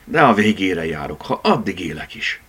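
A man's voice: deep voice, sing-song, a bit bright, slightly rough, heavily acted. A man voicing a curious, determined red tomcat in an audiobook, eager in manner.

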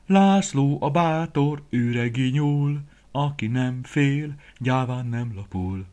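A man's voice: deep voice, expressive, sharp tone, slightly rough, exaggerated voice. A man voicing a boastful, brave little male rabbit in a children's story, talking in a cocky, sing-song way. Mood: sing-song boasting.

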